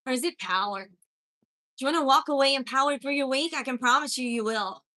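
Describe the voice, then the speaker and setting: Woman livestream host, mixed accent, bright and fairly high, earnest encouraging preacher. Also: fairly quick. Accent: mixed accent from many places. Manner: earnest, encouraging, reads out viewer comments. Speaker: spiritual life coach and live-stream host. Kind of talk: live-stream chat greeting viewers and preaching.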